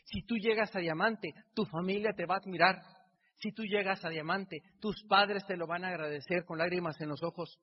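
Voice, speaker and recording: High-voiced man speaking in a hall. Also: steady tone, moderate pace, slight background noise. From Mexico. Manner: emotional, repetitive, builds with repeated phrases. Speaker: motivational speaker. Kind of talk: motivational stage speech. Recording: dull sound in a reverberant hall.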